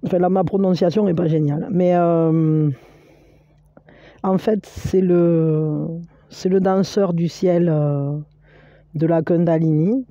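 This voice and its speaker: A woman with a fairly low, warm voice and fairly even intonation reads tarot cards in a spiritual vein, talking directly to the viewer. She's encouraging but hesitant, full of fillers and restarts, and the lo-fi sound has no echo.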